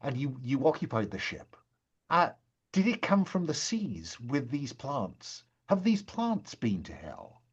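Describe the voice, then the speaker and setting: A man acting as game master, narrating a tabletop role-playing game in a measured way with pauses, prompting the players. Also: mid-range voice, big pitch swings, husky, lo-fi sound.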